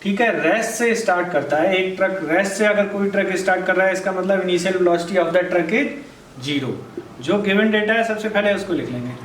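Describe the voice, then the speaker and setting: Male physics tutor, high voice, quizzes the class and answers himself, stands off-mic in an echoey room. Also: fairly bright tone, distant mic, slight background noise. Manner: asks questions and answers them himself, repeats key steps; reads problem text slowly and word by word. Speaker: physics teacher. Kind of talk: board lesson.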